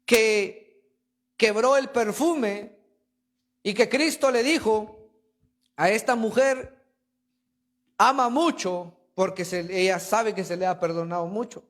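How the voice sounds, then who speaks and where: Predicador de voz muy aguda, enfático, retórico; sermón en iglesia. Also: male voice, high-pitched, slow, pauses often, a bit bright. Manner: emphatic preaching, addresses listeners as brother. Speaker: preacher. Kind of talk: sermon. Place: church.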